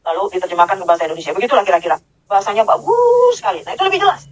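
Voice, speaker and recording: A woman's voice: mid-range voice, very animated, racing. A middle-aged woman giving an earnest personal religious testimony, repeating her phrases for emphasis. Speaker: testimony speaker. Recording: dull lo-fi sound.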